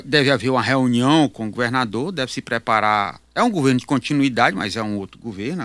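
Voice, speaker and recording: Man, radio journalist, bright forceful voice, long hesitant questions, dry sound. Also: medium pitch, no room sound. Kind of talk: live radio interview.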